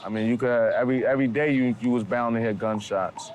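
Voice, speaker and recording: A man, answering documentary interview questions in a halting way and often repeating words. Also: medium pitch, a little mellow, slight background noise. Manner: halting, repeats words while searching for them. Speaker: interviewee, local resident.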